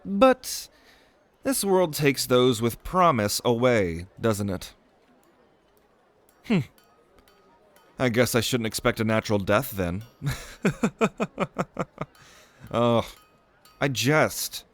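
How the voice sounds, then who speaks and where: In an audio roleplay addressed to the listener, a man voices an eager, proud young noble mage prince, theatrical, earnest and grandly expository. His medium-pitched voice is animated and slow with long pauses, recorded without echo, and the mood is wistful yet ambitious.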